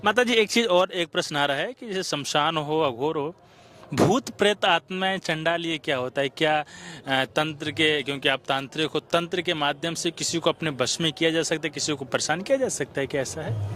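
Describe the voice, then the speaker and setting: A man interviewing a guest, asking polite, curious questions with some halting restarts. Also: on the high side, fairly bright tone.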